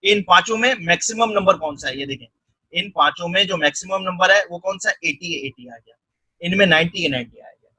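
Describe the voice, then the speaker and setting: A man with a husky voice, walking through a spreadsheet tutorial step by step and checking in often. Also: high voice, a little fast, bright, forceful tone, no echo, poor audio. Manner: step-by-step, frequent check-ins. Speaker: software tutor. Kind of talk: screen-recorded tutorial narration.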